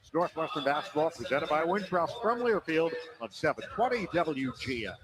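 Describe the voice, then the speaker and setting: A man's voice: on the high side, lively intonation, normal speed, a crowd in the background, low-quality recording. A man doing play-by-play basketball commentary on the radio in short, clipped, urgent phrases. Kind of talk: live basketball radio commentary and sponsor reads.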